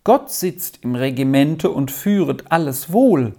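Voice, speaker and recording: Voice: medium pitch, big pitch swings, unhurried, warm tone. A storyteller voicing a frightened young girl who answers timidly through sobs. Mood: tearful. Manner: timid, sobbing.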